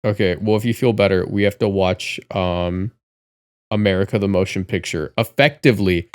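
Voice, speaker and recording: Low-voiced young man rambling casually. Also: moderate pace, clear, resonant tone. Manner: rambling, lots of "like" fillers, deadpan jokes. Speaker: podcast co-host. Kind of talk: casual chat.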